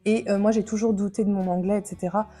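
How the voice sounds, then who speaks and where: A woman's voice: mid-range voice, steady tone, quick pace, warm tone, faint music behind. A woman vlogger answering viewer questions in a chatty, slangy way, often laughing. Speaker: lifestyle vlogger. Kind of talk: casual Q&A chat to camera.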